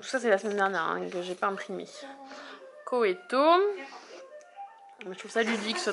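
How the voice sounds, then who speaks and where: A mother chatting casually as she calmly explains her child's schoolwork step by step. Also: medium pitch. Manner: explains step by step, calm and practical. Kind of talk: casual chat.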